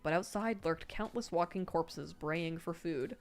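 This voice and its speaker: A woman reading a novel aloud on a stream, doing lively character voices and breaking off for chat asides. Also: fairly low pitch, measured pace, faint music behind. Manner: lively character voices, frequent laughs and self-corrections.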